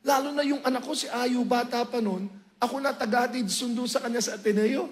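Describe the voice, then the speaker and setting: High-voiced, animated male preacher. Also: brisk. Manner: animated storytelling, swings into loud emotional highs. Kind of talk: sermon testimony.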